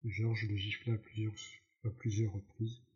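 A man reading a novel aloud, slowly, with slips and self-corrections, in a dull lo-fi recording. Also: fairly low pitch, flat delivery, darkish tone. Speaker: audiobook narrator.

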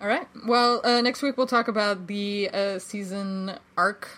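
A woman hosting a casual group discussion, playful and quick to laugh. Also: medium pitch, fairly even intonation, a bit bright. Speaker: podcast host.

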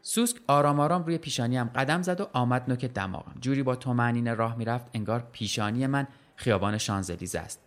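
A man reading a short story aloud in a plain, even storytelling voice. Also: medium pitch. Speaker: story reader.

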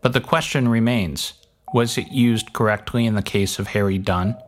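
A man's voice: on the low side, normal speed, slight background noise. A man hosting a podcast, reading scripted narration in a dry, wry way with casual swearing. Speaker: podcast host. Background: faint music.

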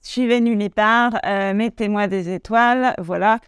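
A woman's voice: mid-range voice, steady tone, moderate pace, smooth, no echo. A woman hosting her podcast in a casual, chatty monologue, full of fillers and little laughs. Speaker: podcast host.

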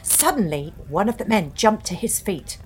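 A woman co-hosting a podcast who narrates ghostly folk tales in a slow, measured, dramatic way. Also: mid-range voice, very animated, husky. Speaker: podcast co-host and storyteller. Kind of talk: fireside storytelling narration.

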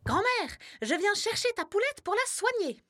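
A woman's voice: very high voice, sing-song, moderate pace, fairly bright tone, soft background music, voice pushed up, exaggerated voice. A woman voicing a sly female marten disguised as a rag seller in a children's storybook, sweet and wheedling.

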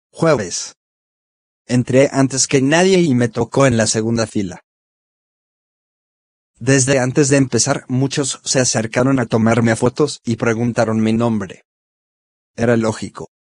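A man's voice: mid-range voice, a little mellow, no echo. Dry synthetic male narrator. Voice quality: synthetic text-to-speech voice. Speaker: columnist narrating his weekly diary. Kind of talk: scripted first-person narration.

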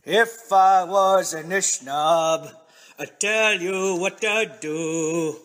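A man's voice: high voice, slow pace, fairly bright tone. A man putting on a slurred, drunk voice to sing a mocking song in an online clip.

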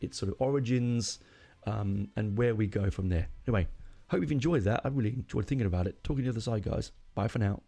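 Talking fast in a lowish, warm voice with vocal fry, a middle-aged man hosts his podcast alone over faint background music. It's a casual, rambling, opinionated monologue, and he frequently corrects himself mid-sentence.

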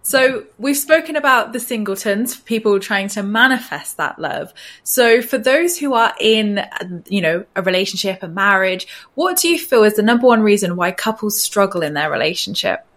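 A woman hosting a podcast, interviewing her guest with slow, deliberate questions. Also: medium pitch, expressive, fairly bright tone. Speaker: podcast host.

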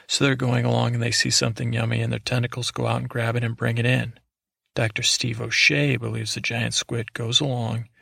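A man with a gravelly, raspy voice reading articles aloud in a casual podcast style, stumbling now and then over words. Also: medium pitch, bright, forceful tone, no room sound.

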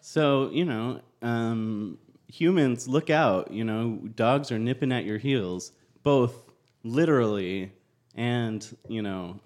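A man with a mid-range voice banters casually as a podcast co-host. He speaks haltingly, often feeling around for his words in a comedic chat. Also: medium pitch, darkish tone.

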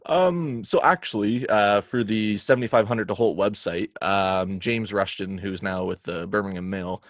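A man's voice: fairly low pitch, normal speed, dry recording, studio quality. A young man, chatting as a guest with lots of ums and uhs. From Canada. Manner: hesitant, many fillers. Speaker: guest podcaster. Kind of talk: casual interview chat.

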